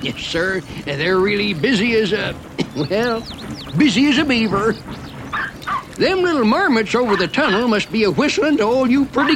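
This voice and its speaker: A chatty, wry old-west mining train guide narrates a park ride with homespun humor in a rural Western American drawl. His high voice swings freely up and down, genial and folksy, dotted with chuckles. The ride and animals are clearly heard behind him.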